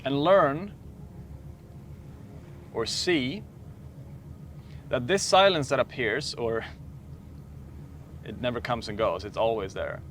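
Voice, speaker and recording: A man speaking as a meditation teacher, guiding a slow, calm meditation with long pauses. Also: mid-range voice, a little hiss or hum. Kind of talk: guided meditation talk.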